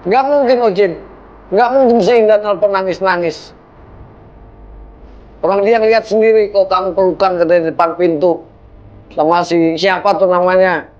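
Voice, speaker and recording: A man's voice: sits high, fairly even intonation, normal speed, pauses often, highs cut off, lightly acted. A man playing an angry middle-aged father confronting his son-in-law in a film. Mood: furious. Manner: scolding, insistent, confrontational. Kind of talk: low-budget film acting.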